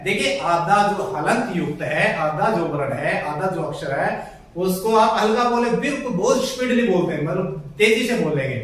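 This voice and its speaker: A male Hindi grammar teacher giving a blackboard lesson, explaining slowly, spelling out syllables one by one and calling his viewers friends. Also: high voice, expressive. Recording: very echoey room, far from the mic.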